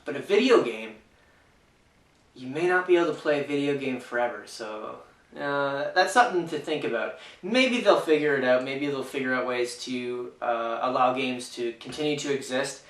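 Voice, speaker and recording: A man's voice: mid-range voice, moderate pace, a bit bright. A man giving a casual, unscripted board game review, hesitant and full of fillers and restarts. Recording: echoey room, mic far off.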